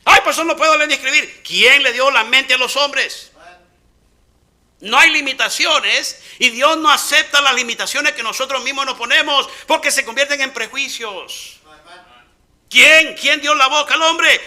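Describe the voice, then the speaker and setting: A male pastor delivers a sermon with a very high, bright, piercing voice. He preaches emphatically, firing off rhetorical questions and slipping into acted-out dialogue. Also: a little slow.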